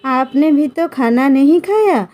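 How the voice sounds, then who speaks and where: Storybook romance: woman voicing a soft-spoken young wife, mellow and unhurried. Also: sits high, animated. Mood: quiet.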